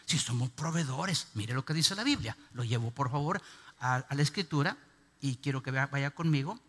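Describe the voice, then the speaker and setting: Un hombre, pastor, predicando un sermón enfático y pidiendo a la congregación que repita sus frases. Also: male voice, medium pitch, expressive, moderate pace, fairly bright tone, husky, in a large hall. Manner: emphatic preaching, calls on the congregation to repeat. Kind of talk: sermon. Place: church.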